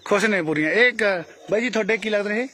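A man with a high, bright voice, chatting and teasing the people he meets. His talk is light and full of jokes. He is recorded outdoors in a field on a handheld camera. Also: fast talker, a little hiss or hum. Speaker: vlogger. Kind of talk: casual chat.

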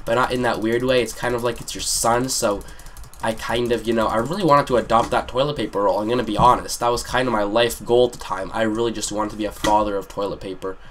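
A teenage boy telling a rambling, sarcastic storytime over his gameplay, with sudden excited yelps. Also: fairly low pitch, quick pace, a little hiss or hum. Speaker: gaming commentator. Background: keyboard clicks and typing.

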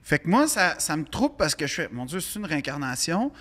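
A man's voice: fairly high pitch, very animated, brisk, a bit bright, in a large hall. A man with a Quebec French accent, a podcast guest telling a long anecdote in a rambling way with many restarts. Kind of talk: casual storytelling.

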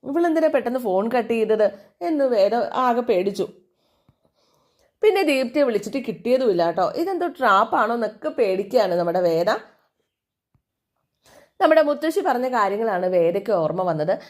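A woman's voice: a little high, big pitch swings, moderate pace, long pauses, a little mellow. Woman, casual serial recap, same plain voice for every character. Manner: retells scenes and voices lines with little change of voice. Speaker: serial episode recap narrator.

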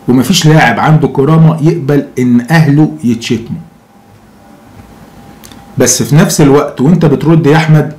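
A man in his thirties with an Egyptian accent, giving opinionated football commentary to camera in a sarcastic, mocking way with rhetorical questions. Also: medium pitch. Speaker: football fan commentator and host.

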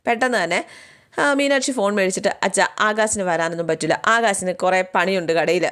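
A woman's voice: mid-range voice, fairly quick, fairly bright tone, clear, resonant tone. A woman casually retelling a TV serial's plot, chatty and acting out the characters' lines herself. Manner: chatty, with tags like "you know" and playful voices for the characters.

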